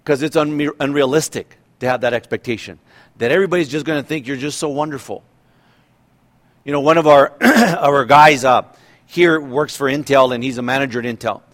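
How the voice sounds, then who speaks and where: A man's voice: mid-range voice, a little fast, fairly bright tone. Conversational man in his fifties preaching. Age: 50s. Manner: conversational preaching with repeated restarts and rhetorical questions. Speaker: pastor. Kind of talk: sermon.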